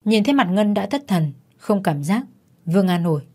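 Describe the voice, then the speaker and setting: A woman narrating a dark story in a tense, dramatic manner. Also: medium pitch, expressive, fairly quick.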